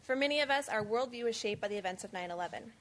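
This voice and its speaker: A young woman in her twenties giving formal, measured prepared remarks as she introduces a panel at a conference. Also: a little high, lively intonation, fairly bright tone. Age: 20s. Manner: measured, reads from a script. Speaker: event speaker introducing a panel. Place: conference event on stage.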